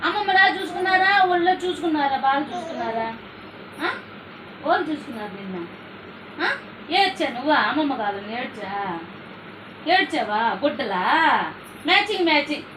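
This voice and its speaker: A middle-aged woman with a Nellore Telugu accent coos and chatters at home in a very high voice. She speaks in doting baby talk, caught from a distance in an echoey room with steady background noise. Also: a little fast, long pauses. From Andhra Pradesh, India. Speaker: vlogger. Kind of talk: casual family vlog chat.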